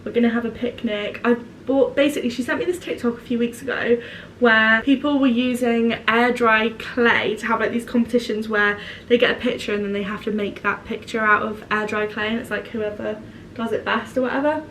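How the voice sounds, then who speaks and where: A woman's voice: a little high, fairly even intonation, a little fast, a bit bright, a little hiss or hum. A woman, chatting casually in a vlog, rambling and a little woozy after being ill. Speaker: vlogger.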